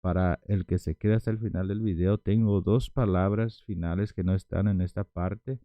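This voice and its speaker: A man teaching words in a lesson, repeating each one slowly and patiently and stretching the pronunciation. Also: low voice, fairly even intonation, no echo, highs cut off. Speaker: Guarani language teacher. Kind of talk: slow repetitive language lesson.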